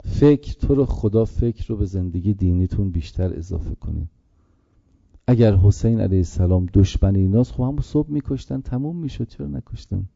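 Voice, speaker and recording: Man, preacher, mourning sermon, impassioned, dark tone, dry lo-fi recording. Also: fairly low pitch, expressive, gravelly, no room sound. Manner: impassioned, slows to a chanting lament. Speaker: preacher reciting a mourning elegy. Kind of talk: religious sermon and mourning recitation. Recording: dull lo-fi recording.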